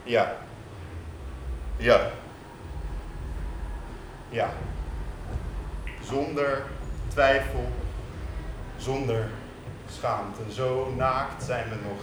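Male stage performer, first-person monologue; slow, intense, rhythmic, pausing hard. Recorded live from a distance in an echoey room. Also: mid-range voice, fairly even intonation, noisy background. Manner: intense, rhythmic, with dramatic pauses. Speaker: performer reading a literary monologue. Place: stage in a music venue.

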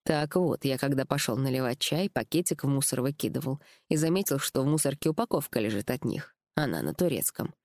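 A woman reading an audiobook, voicing a calm, reassuring young man in a lowered voice. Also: a little fast, few pauses, no room sound, clean studio sound, close to an everyday voice.

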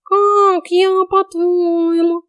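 A lazy, chatty tomcat from a storybook, put on by a woman narrator, whining and grumbling in a sleepy drawl. The voice sits up high and sounds pinched and unlike her own. It is recorded close and dry, with no room sound. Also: little pitch movement, extremely slow, a bit bright, dry recording, exaggerated voice. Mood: whiny grumbling. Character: lazy talkative male house cat, grumbling.

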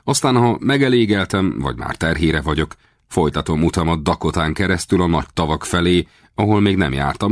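A man narrating a novel in the first person as an audiobook, in steady, measured storytelling. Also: rumbling low, dry recording, clean studio sound.

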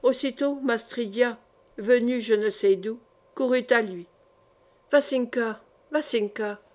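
A woman narrating a classic short story in a measured, dramatic way. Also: on the high side, a little mellow. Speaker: audiobook reader. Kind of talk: literary narration.

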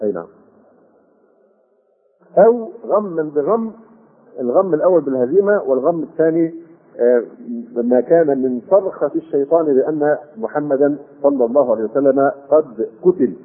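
An older man with an Egyptian Arabic accent giving a Quran commentary lesson, explaining with rhetorical questions and drawn-out fillers. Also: medium pitch. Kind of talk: classroom tafsir lesson. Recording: phone-like husky lo-fi.

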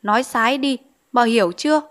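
A woman voicing a strict, domineering old mother-in-law who fusses and scolds in a hurried way. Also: on the high side, fairly bright tone, close to an everyday voice. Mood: coaxing.

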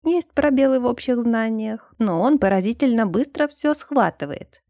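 A kindly old male scholar, long retired, fussing warmly over his guests, as a woman reads him in a storybook. The voice is soft and mellow, set in a dry, close space with no room sound. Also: on the high side, expressive, moderate pace, no room sound, voice pushed up. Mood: welcoming. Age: older. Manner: warm, bustling, welcoming.

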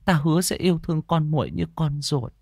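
A remorseful noblewoman praying softly, her voice raised in pitch and kept hushed, as a male narrator puts her on. Her words come slow and pleading. The sound is dry and close. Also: breathy edge, no room sound.

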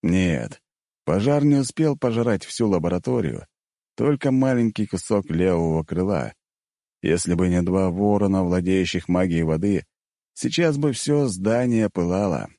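A man narrating a first-person audiobook in a steady, even reading. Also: low voice, a little slow, dry recording, studio quality.

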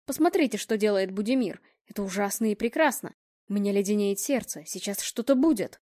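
A woman's voice: mid-range voice, lively intonation, fairly quick, warm tone, no echo, studio quality, natural voice. A woman voicing a TV reporter on a live broadcast, dramatic and awed.

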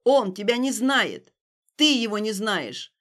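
A woman reading an audiobook, voicing a cold, manipulative young man who speaks flatly and breaks into shouting. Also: on the low side, brisk, pitched below the performer's own voice, natural voice. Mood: shouting, furious. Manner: flat and detached, then shouting.

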